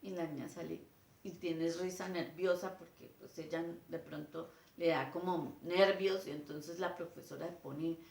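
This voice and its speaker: A woman's voice: sits low, unhurried, gravelly. A woman teacher, giving a lecture and acting out scenes between a teacher and her pupils. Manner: animated, acts out teacher and children in changing voices. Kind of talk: lecture with acted classroom scenes. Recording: echoey room.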